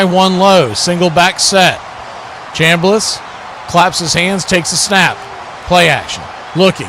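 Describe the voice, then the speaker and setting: This American man's voice is high, bright, and forceful as he calls live football play-by-play for an online watch party stream. He uses clipped short phrases for each action, and background noise is clearly present.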